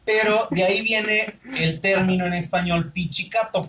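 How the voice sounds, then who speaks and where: A man's voice: high voice, fairly even intonation, moderate pace, sharp tone, slight background noise, poor audio. A Mexican man co-hosting a podcast, curiously explaining where words come from in casual chat. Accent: Mexican Spanish. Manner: curious, explanatory, thinks aloud. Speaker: podcast co-host.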